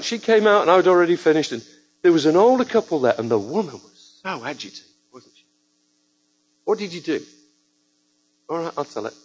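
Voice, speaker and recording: A man's voice: on the high side, husky, low-quality recording. A man preaching a sermon to a church congregation, telling stories with joking asides. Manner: lively storytelling with joking asides.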